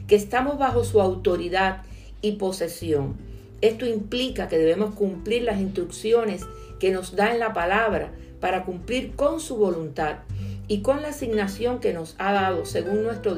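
A woman's voice: medium pitch, a little mellow. A woman giving an earnest devotional sermon, reading scripture and asking the listener direct questions. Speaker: preacher.

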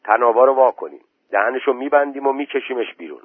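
A man voicing a furtive scavenging village man who leads his companions, talking in an urgent, hushed way. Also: mid-range voice, expressive, dry recording, pitched above the performer's own voice, lightly acted. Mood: scheming. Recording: tinny phone-like recording.

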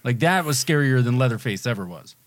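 A man's voice: mid-range voice, animated, brisk, no echo. A man co-hosting a podcast, rambling with enthusiasm in casual chat, often restarting his sentences. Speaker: podcast co-host.

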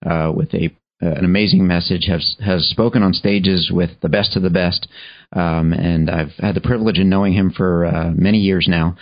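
A man hosting a podcast, introducing his guest in a halting way full of fillers. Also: low-pitched, steady tone, muffled recording. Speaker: podcast host.

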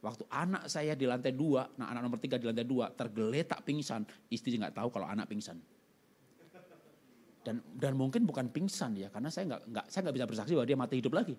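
A middle-aged man preaching a sermon testimony, telling his story with animated swings from loud outbursts to hushed pleading. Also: medium pitch, fast talker, slightly rough.

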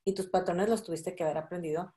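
A woman's voice: fairly low pitch, fairly even intonation, fast talker, mellow. A middle-aged woman hosting a casual group conversation, thoughtful and often laughing. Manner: reflective, laughs often, acts out quotes.

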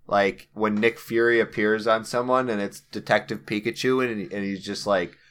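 A man's voice: lowish voice, steady tone, normal speed, a bit bright, smooth. A young man co-hosting a casual podcast, rambling enthusiastically about movies. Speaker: podcast co-host. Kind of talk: casual chat.

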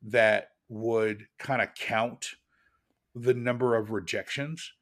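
Podcast co-host, male, a father. Casual, animated, slips into exaggerated voices when quoting. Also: mid-range voice, takes it slowly. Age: adult with kids. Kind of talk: casual chat.

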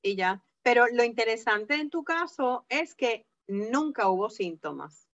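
A woman's voice: on the high side, animated, unhurried, muffled recording. A woman hosting a podcast interview, asking questions and offering short encouraging replies. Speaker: podcast host. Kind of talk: casual interview conversation.

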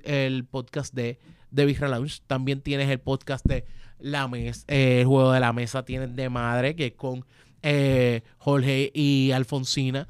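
A man with a Puerto Rican accent hosting a casual podcast from a studio, talking loudly and animatedly and swearing freely. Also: medium pitch, clean tone, dry recording. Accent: Puerto Rican Spanish. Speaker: podcast host.

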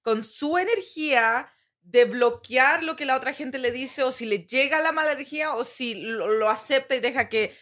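A woman's voice: high-pitched, normal speed, fairly bright tone. A young Chilean woman, a daughter, blunt and skeptical in a casual family chat. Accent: Chilean Spanish.

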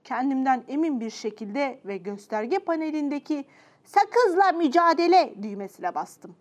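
A woman narrating a bedtime story for children in a warm, sing-song way. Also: fairly high pitch, animated, normal speed.

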